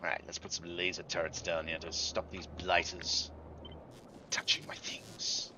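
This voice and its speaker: A man streaming a video game, chatting casually in a playful, theatrical, mock-gentlemanly way. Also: sits low, little pitch movement, a little slow, noisy background. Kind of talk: casual gaming commentary.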